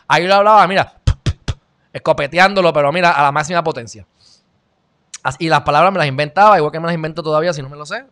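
Speaking with a Puerto Rican Spanish accent, this Puerto Rico-born commentary host lectures bluntly through an opinionated monologue. His voice is slightly high with a fairly bright tone.

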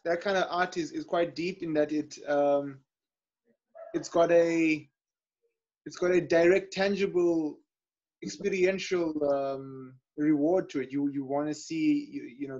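Speaking through a laptop webcam on a video call, a young man with a slightly high, darkish-toned voice hosts an online open mic from an indoor room. His casual talk is full of fillers and restarts, and the audio is dull and lo-fi.

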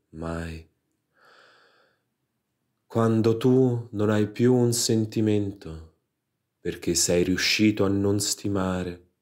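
A man in his thirties gives a dramatic poetry recitation. His voice sits a little low. He takes the lines very slowly and deliberately, leaving pauses between phrases. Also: darkish tone. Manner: slow, measured dramatic delivery with pauses. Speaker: poetry reader.

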